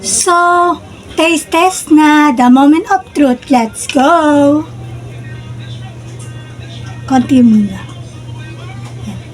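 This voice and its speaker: A woman's voice: high voice, drawn-out words, pauses often, faint music behind, rough recording. A Filipino woman vlogger chatting casually to her viewers as she films a food challenge. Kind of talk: casual vlog talk to viewers.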